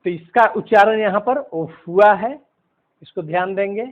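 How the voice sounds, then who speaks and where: A man teaching English pronunciation, explaining word by word in a slow, deliberate way. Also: high-pitched. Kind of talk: pronunciation lesson. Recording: phone-like narrow sound.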